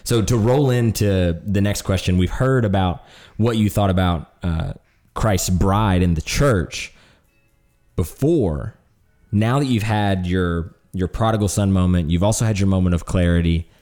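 A man's voice: low voice, a little slow, darkish tone. A man co-hosting a faith podcast, talking reflectively and leading into questions. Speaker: podcast co-host. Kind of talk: casual faith podcast chat.

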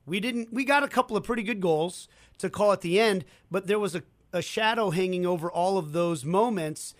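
This high-voiced man, a play-by-play announcer and co-host from Kansas City in the United States, relates a story in easy, fluent chat at a fairly quick clip. The recording is dry.

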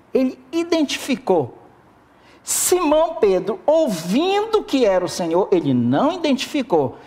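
A preacher giving an expressive sermon and speaking right to the congregation. The voice sits at a middling pitch and leaps up and down with lively intonation. The delivery stays warmly engaged with the listeners throughout. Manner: expressive, addresses the congregation directly.

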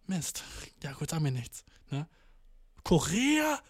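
A man's voice: a little high, big pitch swings, takes it slowly. A young man reacting casually to news, slangy and full of swearing and English filler words. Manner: mock voices for countries.

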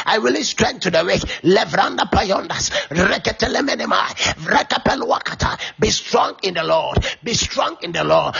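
Raspy, fiery preacher shouting declarations. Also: male voice, high voice. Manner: chanting, shouting repeated declarations, speaking in tongues. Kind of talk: fiery prayer sermon with tongues. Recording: dull lo-fi recording.

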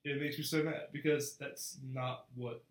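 A man's voice: medium pitch, steady tone, measured pace. Earnest young man in an echoey room. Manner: earnest, frank, repeats words when starting sentences. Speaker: podcast co-host. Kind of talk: casual faith podcast chat.

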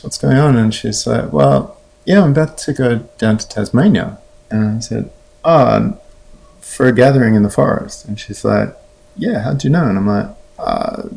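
A man with an Australian accent, a podcast guest telling a story in a relaxed, chatty way and acting out the dialogue. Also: on the low side, creaky. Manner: lively retelling, acts out quoted dialogue in a raised voice. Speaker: podcast guest, heart mentor. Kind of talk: casual storytelling.

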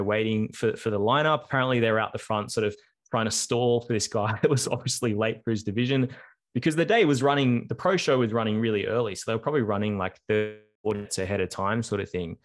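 Young man telling a rambling story. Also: medium pitch. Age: young adult. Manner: rambling storyteller, many fillers. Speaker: podcast co-host. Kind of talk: casual podcast chat.

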